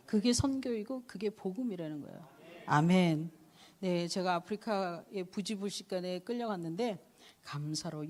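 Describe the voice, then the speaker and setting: A middle-aged woman missionary giving a conversational church sermon and testimony, animated and chatty, often affirming with a quick "yes". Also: medium pitch. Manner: animated, conversational preaching with frequent "네" and laughs.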